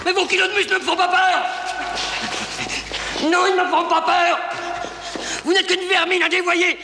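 A man's voice: very high voice, little pitch movement, moderate pace, reverberant, raised voice. An actor playing an indignant, defiant man who champions human rights in a declamatory, theatrical film style. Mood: furious, defiant. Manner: declamatory, reciting with outraged emphasis. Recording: noisy film soundtrack with clicks.

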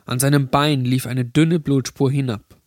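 A man calmly narrating a scripted horror story, recorded close to the mic. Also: mid-range voice, normal speed, no room sound.

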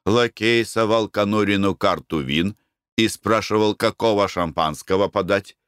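A man narrates a storybook with a low, lively voice that rises and falls a lot. His delivery is expressive and steady. The recording is close and dry. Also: clear, resonant tone, dry recording. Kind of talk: audiobook narration.

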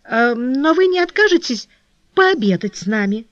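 A woman reading an audiobook and voicing a warm, eager young flower girl who talks in excited, pleading exclamations. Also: sits high, normal speed, no room sound, pitched above the performer's own voice. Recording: dull dry lo-fi recording.

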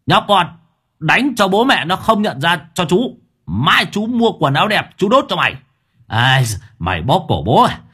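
A man's voice: on the low side, takes it slowly, hardly any pauses. A man voicing a brash, drunken, potbellied motorbike-taxi driver who blusters and curses. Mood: gloating. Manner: loud, blustering, cursing.

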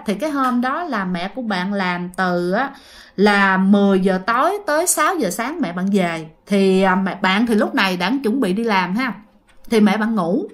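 Southern vietnamese woman telling ghost stories to her viewers, chatty, lots of little particles, kinda high voice. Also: fairly bright tone. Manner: chatty, addresses listeners directly, heavy use of sentence-final particles. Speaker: storyteller and channel host. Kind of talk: casual spoken retelling of listener-sent ghost stories.

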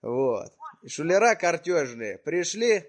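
A man with a fairly high voice makes a prank call. He talks in coarse street slang, improvising and taunting the person he rang. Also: very animated, takes it slowly. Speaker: prank caller.

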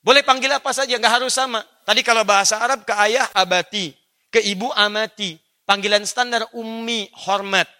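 A man delivers a religious study lecture in a high, bright voice. He talks straight to his audience and keeps asking them rhetorical questions, with a clear, ringing tone. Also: steady tone, fairly quick. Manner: addresses listeners directly with rhetorical questions. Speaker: Islamic preacher.

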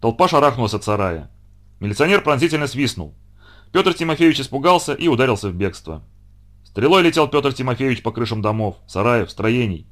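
A man reading a children's story aloud with expressive, dramatic narration. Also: medium pitch, brisk.

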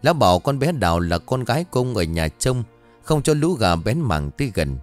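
A man reading an audio story aloud in an expressive, dramatic narration style. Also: medium pitch, a little fast, faint music behind.

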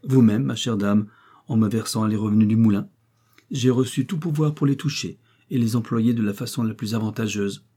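A man voicing a calm, formal provincial notary in an audiobook, imperturbable and stiff. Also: lowish voice, normal speed, close to an everyday voice. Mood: composed. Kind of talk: audiobook character voice.

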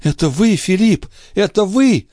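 A man reading an audiobook voices a fragile, nervous young woman who talks in breathless, high exclamations. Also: big pitch swings, moderate pace, a little mellow, no room sound, studio quality. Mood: agitated, fluttery.

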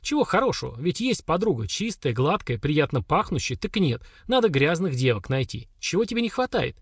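A man's voice: fairly high pitch, big pitch swings, a little fast, slightly rough, no echo, clean studio sound, exaggerated voice. A man voicing a stern, mocking older woman warrior who scolds the girls. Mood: scolding.

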